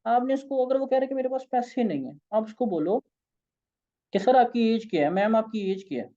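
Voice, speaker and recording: Hoarse, tired Pakistani man coaching sales. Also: very high voice, animated, a little fast, dark tone, highs cut off. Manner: informal, coaxing, keeps saying "okay". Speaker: sales trainer and company founder. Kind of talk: online sales training session.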